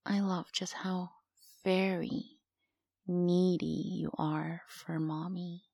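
A woman whispering close to the mic in a slow, cooing voice that is breathy with a gravelly edge. Her tone sits low and mellow, with little rise and fall, and the sound is dry and close. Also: flat delivery, dry recording. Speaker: audio roleplay performer. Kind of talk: whispered intimate audio roleplay.

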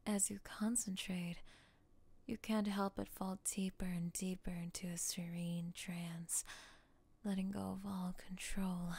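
A woman voicing a calm young woman who frees her boyfriend by counter-hypnosis, speaking softly and soothingly in an audio roleplay. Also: fairly low pitch, vocal fry, breathy edge, exaggerated voice. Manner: soft, whispery, soothing hypnotic delivery.

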